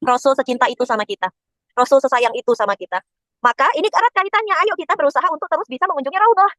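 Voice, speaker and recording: A woman's voice: high-pitched, rapid-fire, fairly bright tone, no echo. A woman religious teacher giving an emotional webinar sermon, telling stories and speaking straight to her listeners. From Indonesia. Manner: emotional, addresses listeners directly and often.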